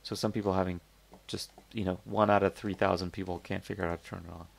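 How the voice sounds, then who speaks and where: A man's voice: low voice, little pitch movement, fast talker, creaky. A man hosting a casual product review, thinking aloud with lots of fillers and restarts and a skeptical, conversational manner. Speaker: host reviewing crowdfunding products.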